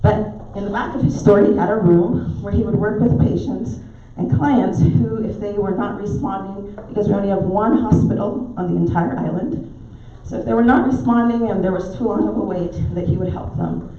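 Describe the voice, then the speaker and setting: A mid-range voice at normal speed, with hardly any pauses, belongs to a middle-aged Barbadian naturopathic doctor speaking as guest at a club meeting in a pub dining room. She tells warm stories with filler ums, her accent softened after years in the US. The room recording sounds echoey, dull and distant.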